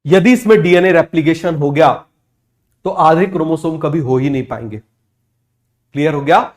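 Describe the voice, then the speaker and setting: A young man teaching biology for an exam, drilling students with repeated quick questions and answers, and using English terms with an Indian accent. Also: a little high. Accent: Indian English terms within Hindi speech. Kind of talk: exam-prep lecture.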